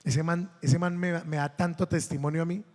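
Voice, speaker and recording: A man's voice: on the high side, fairly even intonation, moderate pace, a little mellow, in a large hall. A Colombian man, a priest giving a sermon, telling funny anecdotes and acting out the voices of the people in them. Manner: anecdotal, humorous, acts out quoted voices.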